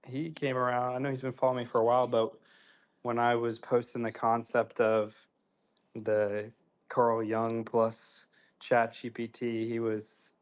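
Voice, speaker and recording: A young man in his twenties hosts a relaxed online group call, his voice held flat and level at a middle pitch. He talks loosely with plenty of slang and repeated words. He is from Ohio. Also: unhurried. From Ohio, USA. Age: 20s. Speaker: host. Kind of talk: casual online group chat.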